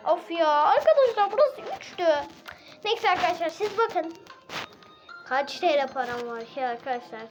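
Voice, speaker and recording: A young woman hosting a card game stream, chatting excitably to her viewers and complaining dramatically when she loses. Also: very high-pitched. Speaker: gaming channel host. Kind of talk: casual game commentary.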